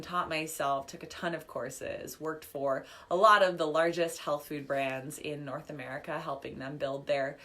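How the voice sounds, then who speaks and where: A woman's voice: deep voice, fairly bright tone. A woman in her thirties, a business coach, running a live online workshop in a chatty, upbeat way with lots of fillers, her voice a little worn. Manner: chatty, upbeat, filler-heavy, reading chat comments aloud. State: slightly losing her voice. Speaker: business coach and podcast host.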